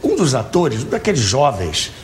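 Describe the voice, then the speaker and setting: A jovial Brazilian man tells anecdotes to a talk show host and acts out the dialogue, his medium-pitched voice swooping wildly at a moderate pace. He's in a TV studio with an audience, and the audio is clearly noisy.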